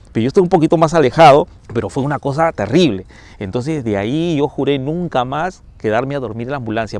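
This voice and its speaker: A man's voice: medium pitch, a little mellow, no echo. A man, a firefighter paramedic telling his own ghost story, acting out the scenes with sound effects and little asides. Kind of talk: first-person ghost story told on camera.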